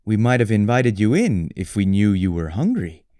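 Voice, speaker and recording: A man's voice: fairly low pitch, very animated, normal speed, dark tone, no echo, clean studio sound. A man voicing a motherly, proper and puzzled grown female bear in a children's storybook. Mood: stern.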